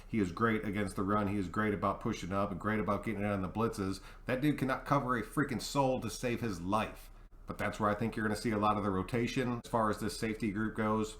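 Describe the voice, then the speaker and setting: American dude, kinda low voice, hyped up sports fan talk to his viewers, emphatic and sweary. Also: fairly bright tone. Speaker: host of a football fan channel.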